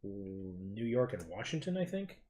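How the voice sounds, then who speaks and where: A man's voice: fairly low pitch, sing-song, normal speed, dark tone. Man in his twenties leading a board game. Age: 20s. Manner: leads planning, swears casually. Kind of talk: casual game-night chat.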